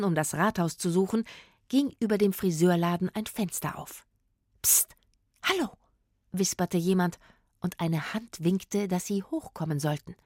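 Lively woman narrating a children's story. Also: lowish voice, dry recording, studio quality. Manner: lively, expressive.

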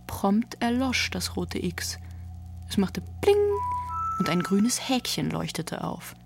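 A woman reading an audiobook story in a calm, even storytelling manner. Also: medium pitch, slow, creaky, over music. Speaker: narrator. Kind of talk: audiobook narration.

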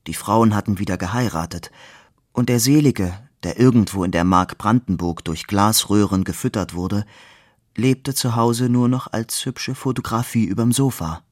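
Low-voiced man reading a novel aloud. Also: no echo, studio quality. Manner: measured, expressive. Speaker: reader. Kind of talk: literary reading.

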